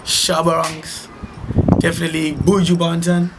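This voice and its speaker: A young Zimbabwean hip-hop artist rambles casually in a radio interview, laid-back and heavy on "like" and slang. His voice is a little high, his delivery completely flat, and his pace moderate, with faint background noise.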